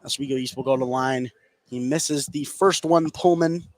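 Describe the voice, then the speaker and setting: This is a man's radio play-by-play of a live basketball game, delivered at normal speed in a medium-pitched voice with no room sound. Background gym ambience from the game comes through clearly.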